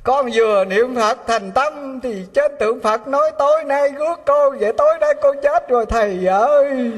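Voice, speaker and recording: A man's voice: very high voice, moderate pace, voice pushed up. A man with a Southern Vietnamese accent voicing a frightened, devout village woman who pleads in distress. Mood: pleading. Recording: long hall reverb.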